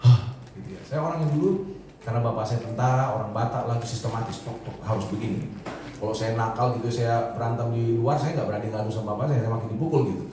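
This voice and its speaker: A man's voice: medium pitch, fast talker, background noise. A middle-aged man from Indonesia, a pastor preaching a sermon in a casual, conversational way with chuckling asides. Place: large church hall. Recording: echoey hall heard from far off.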